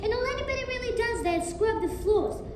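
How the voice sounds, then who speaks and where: A woman's voice: very high-pitched, animated, normal speed. A woman playing a stubborn, hot-tempered young orphan girl in a stage play, speaking with childish bluntness. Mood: furious. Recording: distant, echoey, noisy stage recording.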